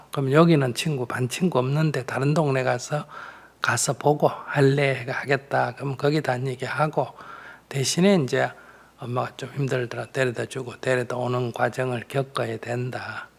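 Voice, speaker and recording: A man's voice: medium pitch, steady tone, normal speed, vocal fry. An older man, a monk, giving frank, plain-spoken advice in a live question-and-answer talk, often acting out a mother's words.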